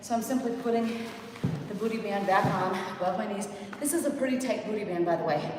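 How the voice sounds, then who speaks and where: A woman's voice: medium pitch, a little fast. A woman leading a workout as fitness instructor, upbeat and encouraging, counting reps aloud. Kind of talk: workout coaching. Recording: echoey, distant mic, faint noise.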